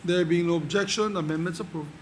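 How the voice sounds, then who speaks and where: A man's voice: on the high side, steady tone, fast, noisy background. A man with a Filipino accent, speaking as the presiding officer in a formal parliamentary session. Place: legislative session hall.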